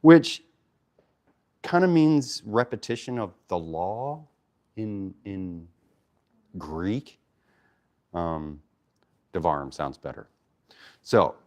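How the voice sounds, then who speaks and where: A man leads an informal Torah study. He speaks in an easygoing way, pausing to explain Hebrew words, and leaves plenty of fillers and restarts in his talk. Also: fairly low pitch, a little mellow. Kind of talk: casual Bible teaching.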